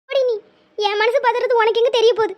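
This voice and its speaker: A woman doing a shrill scolding mother. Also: fairly even intonation, brisk. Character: worried scolding village mother. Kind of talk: cartoon voice acting. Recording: slightly muffled lo-fi audio.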